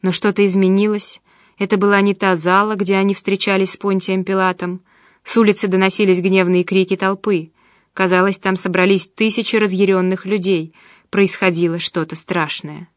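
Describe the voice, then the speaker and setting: Brief: female audiobook narrator, measured delivery, mid-range voice, dry studio sound. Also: mid-range voice, level tone, no echo. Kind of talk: scripted narration.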